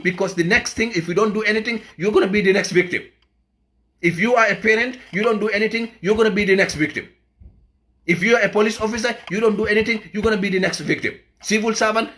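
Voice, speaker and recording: An activist from the Gambia gives an impassioned political address in a high-pitched, bright, forceful voice. He is emphatic and repetitive and often stumbles over his words.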